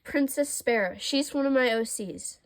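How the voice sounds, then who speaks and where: A young art vlogger, a little congested from allergies, gives a casual sketchbook tour, chatting self-deprecatingly as she shows her old drawings. Her voice is fairly high and moderately paced, with slight background noise.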